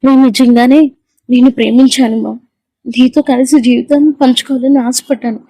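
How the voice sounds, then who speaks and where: A woman's voice: high voice, flat delivery, brisk, dark tone, dry recording, low-quality recording. A woman voicing a tearful young woman pleading her love, in a read-aloud audio story. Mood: earnest. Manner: pleading and earnest.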